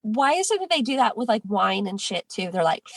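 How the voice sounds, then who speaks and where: A woman's voice: medium pitch, very animated, fairly quick, a bit bright, no echo. A woman co-hosting a podcast, stuffy from a cold, chatting casually and reading an article aloud. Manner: reads a news article aloud, then comments. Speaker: podcast co-host.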